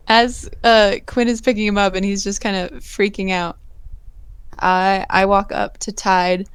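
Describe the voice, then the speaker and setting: A woman playing a tabletop game, talking gently and hesitantly as she describes her character's actions. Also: mid-range voice, slow, clean tone. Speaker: player.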